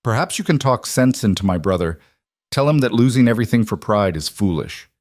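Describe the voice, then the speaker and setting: A man voicing a calculating brother who talks in a smooth, persuasive, condescending way. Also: fairly low pitch, animated, fairly quick, dry recording, clean studio sound, lightly acted. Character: calculating brother pushing a ranch sale.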